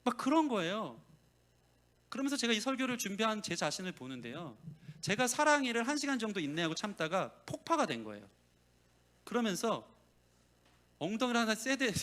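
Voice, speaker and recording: A man preaching with a high, bright voice that rises and falls a lot. He tells a family story as he goes and acts out the voices of the people in it. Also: sing-song, normal speed, pauses often. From South Korea. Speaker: pastor. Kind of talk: sermon.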